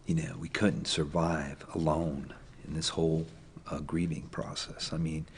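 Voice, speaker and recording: A man's voice: very deep voice, flat delivery, measured pace, slight background noise. A bereaved father telling his story candidly in a documentary interview. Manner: candid, reflective.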